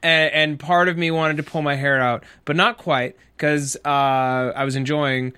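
An animated young man hosts a casual TV recap show. His voice sits a touch high and sounds bright and forceful. He talks in a loose, jokey way. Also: unhurried, a little hiss or hum. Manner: animated, jokey, breaks into goofy sing-song bits. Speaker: host.

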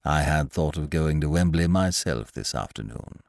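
A hushed, deferential valet, voiced by a man in a storybook reading. His voice drops low and soft, each reply measured and polite. The recording is dry and close. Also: animated, gravelly, dry recording, exaggerated voice. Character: quiet, deferential male valet.

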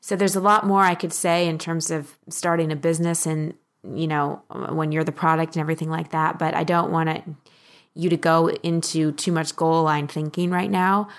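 Speaking in a low, level voice at a moderate pace, this podcast host offers life coaching, walking listeners through her points with encouragement and clear instruction.

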